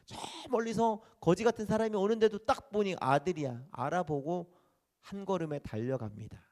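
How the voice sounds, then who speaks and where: A man's voice: sits high, expressive, moderate pace, a little mellow. A male pastor preaching a sermon, telling a story and acting out the characters' voices, asking the congregation questions and answering them himself.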